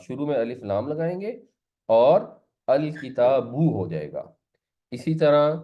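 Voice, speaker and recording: Male teacher, patient step-by-step explainer who mixes in English words, medium pitch, dull lo-fi recording. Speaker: Quran teacher. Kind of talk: classroom lesson on Arabic grammar. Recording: slightly muffled lo-fi recording.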